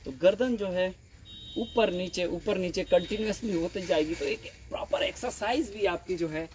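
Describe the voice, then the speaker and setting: A man's voice: high-pitched, moderate pace. A man leading a farming training session outdoors, patiently talking trainees through the work and repeating his words as he goes. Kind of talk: outdoor field instruction. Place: farm field outdoors. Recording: faint outdoor insect noise.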